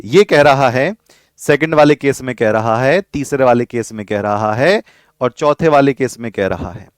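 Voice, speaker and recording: A man teaches a live online chemistry class, his voice sitting a little high for a man. He explains patiently, repeats each key point and keeps asking the students to answer him. The sound is dry and close. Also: clear, resonant tone, no room sound.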